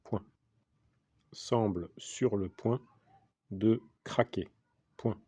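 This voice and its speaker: A man dictating a text as a teacher, deliberately, in short repeated phrases with the punctuation spoken aloud. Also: lowish voice, mellow, husky, dry recording. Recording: dull lo-fi sound.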